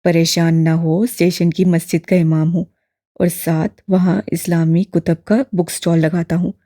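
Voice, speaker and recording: A woman's voice: lowish voice, normal speed, no echo, clean studio sound, voice pushed down, close to an everyday voice. A woman voicing a kindly old imam. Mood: gentle. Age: older. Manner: steady, balanced, fatherly tone. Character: kindly elderly male mosque imam, calm and patient.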